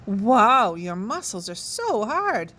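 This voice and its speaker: A woman's voice: mid-range voice, sing-song, takes it slowly, pushed and bright, full character voice. A woman reading aloud, voicing a gushing young schoolgirl who coos over a boy. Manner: cooing, breathy, fawning.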